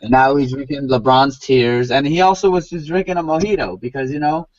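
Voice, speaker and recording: A man's voice: mid-range voice, steady tone, brisk, no echo, dull audio. A man hosting a casual podcast chat, rambling and repeating words with lots of "you know". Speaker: podcast host.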